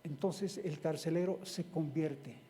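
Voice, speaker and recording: Man, sermon, high voice, unhurried delivery, long echo. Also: dark tone, slight background noise. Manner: retells a scripture story step by step, then explains it. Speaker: preacher.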